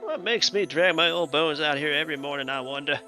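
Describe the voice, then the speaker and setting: Old man, café regular, as a young man puts him on, wistful and musing, bright tone. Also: on the high side, brisk, soft background music.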